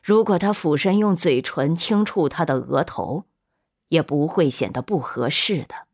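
A woman narrating an audiobook in a measured, steady reading voice. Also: low-pitched.

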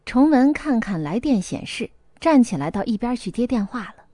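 A woman narrating a novel as a scripted audiobook, with lively storytelling and a light erhua. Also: fairly high pitch, normal speed, no room sound.

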